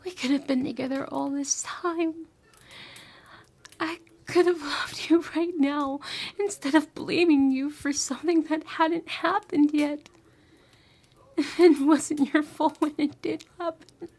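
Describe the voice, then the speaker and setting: In an intimate ASMR roleplay, a woman plays a lovesick, obsessive former bully returned from the future, speaking emotionally, tenderly and haltingly in a breathy voice that often falls to a whisper. Her pitch is high and her tone steady and a little mellow, and she sounds pleading and tearful.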